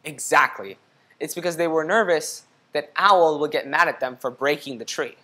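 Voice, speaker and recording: With a lapel mic on an indoor studio set, a young man reads a picture book to children, speaking to them directly and asking them questions. His delivery is clearly paced at normal speed, in a sharp voice of fairly high pitch.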